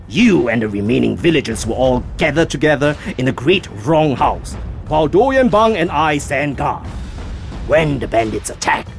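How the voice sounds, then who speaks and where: A man acts out a hot-headed young strongman of the village. His gravelly voice leaps up and down as he blusters and boasts, with faint music underneath. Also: fairly high pitch, big pitch swings, moderate pace. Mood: boastful. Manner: angry, blustering, brash.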